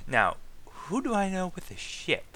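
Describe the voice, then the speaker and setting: A man's voice: high-pitched, wildly swooping pitch, unhurried, bright, forceful tone. A man giving chatty, joking commentary on a game and reading its texts aloud. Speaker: let's play commentator.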